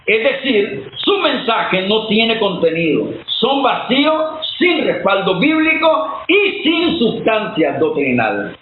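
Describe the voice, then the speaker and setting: A man's voice: high voice, very animated, slow, few pauses. A man preaching a sermon-style Bible teaching, emphatic and often firing questions at his listeners. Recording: tinny phone-like line, echoey, faint hiss.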